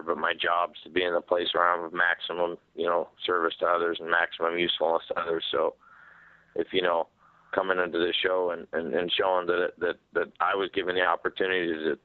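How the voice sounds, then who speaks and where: A man speaking as a fighter in a media interview over a telephone, answering candidly in a halting way and repeating words. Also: deep voice, no echo. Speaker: professional MMA fighter being interviewed. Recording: muffled narrow-band phone conference line.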